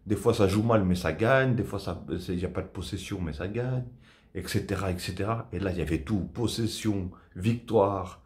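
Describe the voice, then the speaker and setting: Brief: low-voiced man in his thirties, casual vlogger, repeats himself, home webcam sound. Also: moderate pace, a little mellow. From Portuguese heritage. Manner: chatty, repetitive fillers, enthusiastic. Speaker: football vlogger. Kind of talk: casual match debrief to camera. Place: small room at home, indoors.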